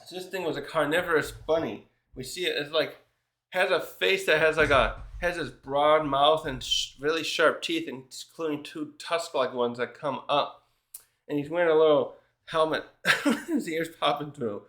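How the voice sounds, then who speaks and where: A man's voice: a little high, moderate pace, a bit bright. A man casually recapping a manga chapter, rambling with restarts and fillers as he reads out what the characters say. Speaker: manga reviewer.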